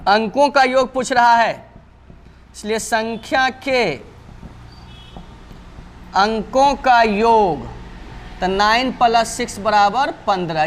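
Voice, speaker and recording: A man's voice: very high-pitched, a bit bright, a little hiss or hum. A male math teacher explaining problems step by step, going over each step twice and often calling his students dear children.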